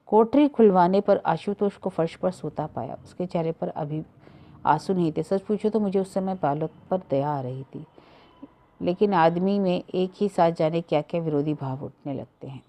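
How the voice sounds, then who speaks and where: A woman narrating a literary short story in a measured, even storytelling manner. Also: on the low side. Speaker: story reader.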